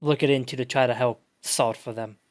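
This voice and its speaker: A man voicing a very tall woman elf diplomat in a put-on Russian accent, halting and stumbling over his words. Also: medium pitch, fairly even intonation, lightly acted. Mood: matter-of-fact.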